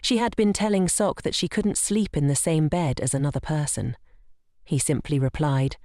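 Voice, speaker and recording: A woman narrating a comic story recap in an even, steady, scripted storytelling manner. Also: low-pitched, moderate pace, no room sound, clean studio sound.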